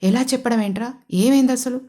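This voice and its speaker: A woman voices a scheming young man who is always on the edge of rage. He shouts commands and insults in a mellow, warm-toned voice. It sits inside a narrated audio love story. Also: fairly high pitch, fairly quick, voice pushed up, natural voice. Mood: angry. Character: hot-tempered young man, scheming villain.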